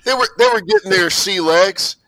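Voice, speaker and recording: Bright-voiced, joking man on a dry mic. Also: high-pitched, huge pitch swings, normal speed, creaky, dry recording, rough recording. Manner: joking, sardonic, stammers. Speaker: podcast co-host. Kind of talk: casual music podcast chat.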